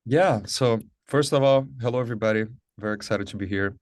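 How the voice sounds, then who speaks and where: A Brazilian man in his thirties, a native Portuguese speaker, talks about his career as a guest on a video call in a conversational interview or webinar. He's upbeat and earnest, leaning on lots of "like" and "uh." His voice is on the low side and brisk, with no room sound.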